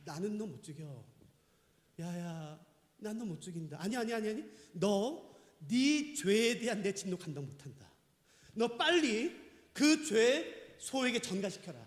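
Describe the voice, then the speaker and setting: A male pastor voicing a stern, grave God, speaking low and hushed. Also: expressive, a little slow. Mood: solemn. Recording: echoey church hall.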